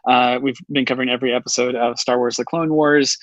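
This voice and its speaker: A man's voice: medium pitch, fairly even intonation, fast talker, dry recording, muffled recording. A man co-hosting a podcast in casual chat, rambling with many restarts. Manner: rambling, full of fillers and restarts. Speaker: podcast co-host.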